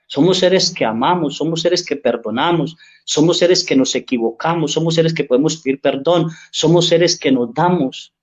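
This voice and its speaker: Rich: A middle-aged Mexican priest preaching a sermon in a slightly high-pitched male voice. He speaks earnestly and pleads with his listeners, working through stories and pausing to ask if they follow. The recording sounds dull and lo-fi. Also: a little mellow. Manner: earnest, pleading, tells stories, asks "¿sí?" often.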